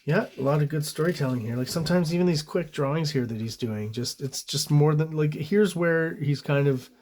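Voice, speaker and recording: A man casually reviewing comic book art page by page, rambling, often searching for words and pausing on ums, clearly enthusiastic about what he sees. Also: fairly high pitch, a little mellow.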